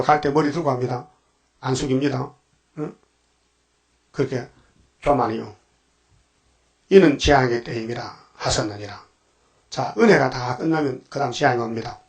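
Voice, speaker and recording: An older man preaching a dawn sermon as pastor, firing off rhetorical questions and sudden emphatic bursts. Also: mid-range voice.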